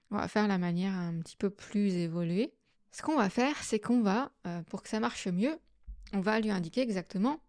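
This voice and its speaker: A woman hosting a software tutorial, explaining each step casually with frequent fillers. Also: mid-range voice, dry recording, clean studio sound. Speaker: astrophotography tutorial host. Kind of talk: screen-recorded software tutorial.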